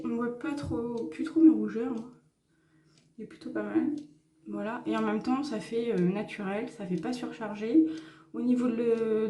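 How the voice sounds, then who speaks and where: A woman's voice: a little high, mellow, reverberant. A woman talking through a makeup tutorial in a casual, hesitant way with many fillers. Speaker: makeup vlogger.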